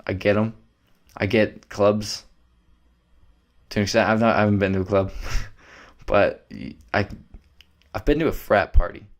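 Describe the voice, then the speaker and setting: A man's voice: lowish voice, fairly quick, creaky. A young man, hosting a solo podcast in a loose, rambling, profane way. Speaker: podcast host.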